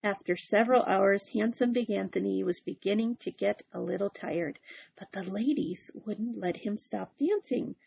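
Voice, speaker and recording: A woman's voice: medium pitch, normal speed, creaky, a little mellow, slightly rough, dull audio. A woman reading a picture book aloud in a playful way, with chatty asides to the listener. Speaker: storyteller.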